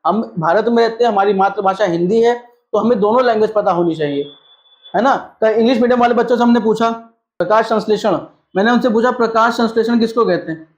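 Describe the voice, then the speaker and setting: A man's voice: sits high, fast talker. A man teaching a lesson, asking questions and answering them himself, mixing English terms into his talk. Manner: mixes English terms into Hindi. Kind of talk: classroom-style lecture. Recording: echoey room, slightly dull sound.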